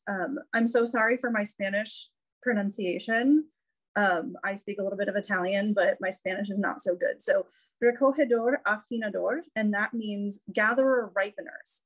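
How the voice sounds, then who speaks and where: Woman on a video call walking people through slides, medium pitch, informal teaching style. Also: rough recording. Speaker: cheese educator presenting a webinar. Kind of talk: informal educational slide presentation. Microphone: video call microphone.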